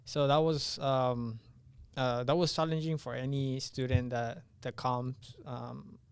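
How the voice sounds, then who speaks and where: A young engineering student from Honduras, a native Spanish speaker who moved to the US at nine, gives casual answers as a podcast guest, often searching for his words. His medium-pitched voice is smooth and slow with little pitch movement, and there's no echo.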